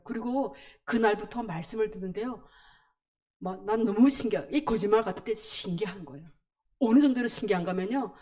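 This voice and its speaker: A woman telling her conversion story in church, in an animated storytelling way with sound words. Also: mid-range voice. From North Korea. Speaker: church testimony speaker. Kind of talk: personal testimony in church.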